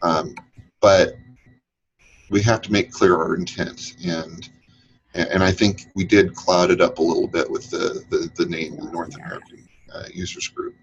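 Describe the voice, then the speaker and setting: Deep-voiced man on a lo-fi call. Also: steady tone, normal speed. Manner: hesitant, many restarts and fillers. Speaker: group member. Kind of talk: casual online meeting. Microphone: video call.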